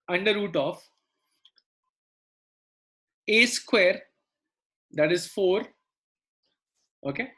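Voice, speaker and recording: A woman's voice: mid-range voice, fairly bright tone. South Indian woman teaching maths. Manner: repeats phrases, checks in with students often. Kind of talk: live online lesson, explaining and prompting students.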